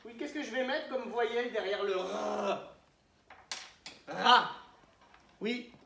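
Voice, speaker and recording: A man's voice: high-pitched, moderate pace, vocal fry, background noise. A patient male schoolteacher leads a phonics lesson and stretches each syllable so young children can follow. His voice bounces around an echoey classroom. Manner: patient, sounds words out syllable by syllable. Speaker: primary school teacher. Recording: echoey room.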